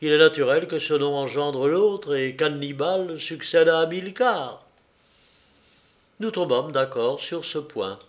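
A man reading a literary novel aloud in a measured, wry and reflective storytelling manner. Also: on the high side. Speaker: audiobook reader. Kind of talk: literary audiobook narration.

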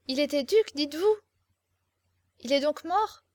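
A woman voicing a naive, excitable young girl full of romantic dreams, talking with eager, breathless pleading in an audiobook reading. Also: sits high, unhurried, dry recording, clean studio sound, voice pushed up. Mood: startled.

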